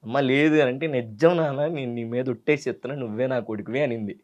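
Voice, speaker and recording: A man's voice: medium pitch, quick pace, dull audio. A young man with a Telangana Telugu accent, a guest earnestly telling his childhood story in an interview. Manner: earnest, quotes family dialogue, grows animated at the twist. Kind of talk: emotional personal storytelling.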